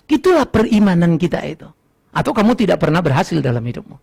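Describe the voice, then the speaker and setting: Lively, gravelly-voiced older man preaching. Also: quick pace. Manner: lively, swings between loud outbursts and low asides, laughs often. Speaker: pastor. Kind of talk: sermon. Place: church hall.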